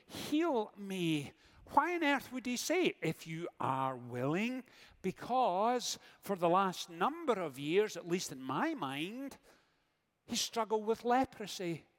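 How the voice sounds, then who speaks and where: A man preaching a sermon as pastor, measured, with dramatic pauses and rhetorical questions. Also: high-pitched. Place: church sanctuary. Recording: long church reverb.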